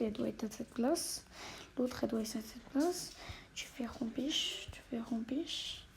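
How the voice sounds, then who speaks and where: A woman vlogging casually while playing with dolls, chatting to viewers and often dropping into whispers. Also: high voice. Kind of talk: casual doll-play vlog.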